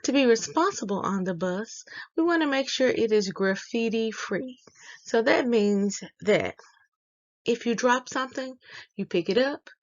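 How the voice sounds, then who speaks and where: Woman school announcer, measured teacherly delivery for kids, unhurried, slightly muffled recording. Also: a little high, lively intonation. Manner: slow, deliberate, explaining rules to children.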